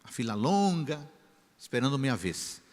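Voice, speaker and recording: Male pastor, sermon, lively pitch, echoing church hall, acts out dialogue. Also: normal speed. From Brazil. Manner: animated storyteller, acting out quoted voices. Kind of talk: sermon with storytelling.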